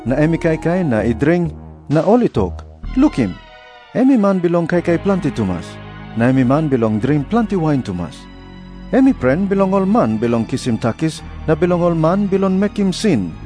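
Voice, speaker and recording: A man with a Papua New Guinean accent playing an earnest prophet who preaches deliberately in a dramatised scripture reading. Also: a little high, big pitch swings, mellow, faint music behind. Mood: earnest rebuke. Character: Jesus, earnest preaching prophet addressing crowds.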